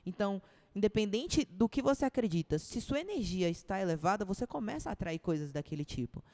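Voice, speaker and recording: A woman's voice: mid-range voice, animated, fast talker, mellow. A young woman from Brazil, a personal trainer chatting as a podcast guest, casual and slangy, often restarting her sentences. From Brazil, Ceilândia (Brasília).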